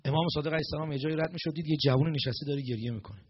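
A man giving a storytelling sermon as a preacher, animated and acting out the characters' lines in dialogue. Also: on the high side, breathy edge, no room sound, muffled recording.

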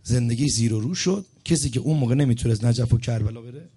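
A man's voice: mid-range voice, dark tone, husky. A man preaching a sermon at a religious gathering, telling a story and speaking straight to the congregation, repeating phrases for emphasis. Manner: speaks directly to the congregation, urging and instructing.

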